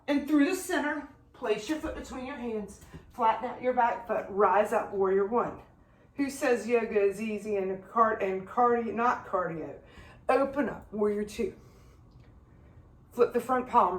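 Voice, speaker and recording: In an echoey room, a woman with a slightly high voice guides a yoga flow class by naming poses. She stays calm and directive, though moving through the sequence leaves her somewhat out of breath now and then.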